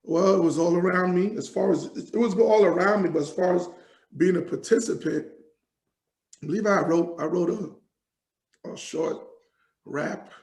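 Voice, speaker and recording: Gravelly New man, rambling. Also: sits high, measured pace, long pauses, darkish tone, reverberant, poor audio. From Jamaica, raised in New York. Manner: rambling, many fillers and restarts. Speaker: hip hop artist, guest. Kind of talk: casual interview talk.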